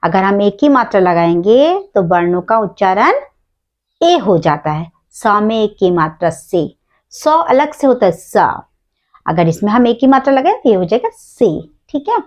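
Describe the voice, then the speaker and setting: A woman teacher giving a children's phonics lesson, sounding out syllables slowly in a sing-song way. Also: medium pitch, sing-song. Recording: dull lo-fi recording.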